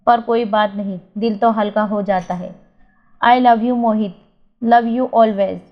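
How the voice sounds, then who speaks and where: A woman's voice: medium pitch, fairly even intonation, takes it slowly, close to an everyday voice. A woman voicing a grieving young wife who confides her sorrow in a letter. The recording is slightly dull and lo-fi. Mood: sorrowful.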